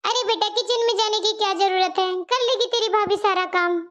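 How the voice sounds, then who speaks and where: A woman's voice: very high-pitched, fairly even intonation, fairly quick, a bit bright. A woman voicing a fussy older mother-in-law in a cartoon story, scolding and bossy. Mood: doting. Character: old scolding mother-in-law, bossy toward her daughter-in-law. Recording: dull lo-fi audio.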